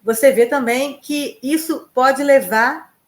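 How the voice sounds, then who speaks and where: A woman correspondent giving conversational news commentary, talking in a halting way with many restarts and fillers. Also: high-pitched, steady tone.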